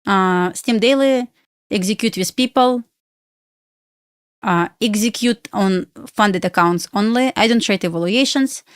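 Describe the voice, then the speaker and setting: A bubbly Belarusian woman whose first language is Russian chats casually on a live stream as a futures day trader. Her medium-pitched voice is smooth and unhurried, in clean studio sound with no room sound. She's giggly, and her grammar is loose and non-native.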